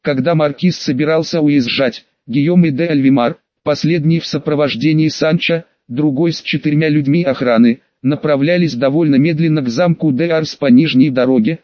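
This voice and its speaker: A man narrating an audiobook in an even, measured reading, voicing the quoted dialogue lightly. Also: on the high side, no echo. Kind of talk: scripted narration. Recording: dull lo-fi dry recording.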